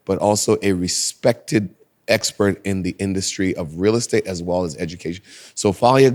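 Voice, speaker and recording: Upbeat low-voiced male podcast host. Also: darkish tone. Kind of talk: conversational podcast interview.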